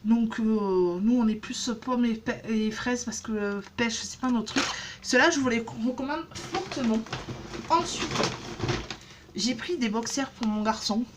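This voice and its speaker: A woman in her thirties talks through a shopping haul in a loose, rambling way, full of fillers and restarts. Her voice sits a little high, and a faint background noise runs under the recording. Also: measured pace. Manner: chatty, many fillers and restarts. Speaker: beauty vlogger. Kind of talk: casual haul vlog.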